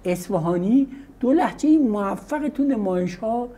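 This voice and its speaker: A man's voice: high-pitched, animated, dark tone. A man hosting an interview, curious, laying out a point before asking his question. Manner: curious, builds a point then asks. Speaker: interview host.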